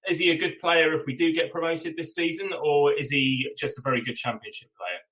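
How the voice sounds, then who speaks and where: Man, podcast host, bright tone, blunt and chatty, drops the odd swear. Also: on the high side, fairly even intonation, a little fast, low-quality recording. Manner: blunt, swears casually, steers the discussion with questions. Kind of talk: casual fan podcast chat.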